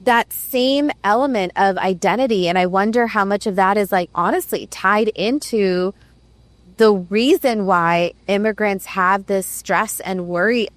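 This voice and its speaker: A woman's voice: mid-range voice, unhurried, no room sound. A woman host raised in the Middle East, musing thoughtfully in conversation with many "right"s and "like"s. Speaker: podcast host. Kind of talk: reflective conversation.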